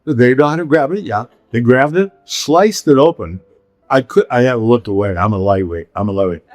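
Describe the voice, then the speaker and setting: A man's voice: mid-range voice, animated, moderate pace, a little mellow, no echo, faint music behind. A middle-aged man from California, hosting a casual chat and telling rambling stories with frequent laughs. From Pacific Palisades, California. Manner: rambling storyteller, laughs often. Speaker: podcast host.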